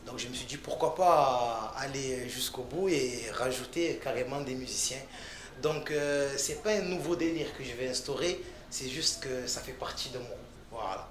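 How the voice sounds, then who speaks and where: Male rapper, casual interview, mid-pitched, stop-start delivery, roomy echo. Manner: loose, halting speech with frequent restarts and fillers. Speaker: rapper interviewed about his music.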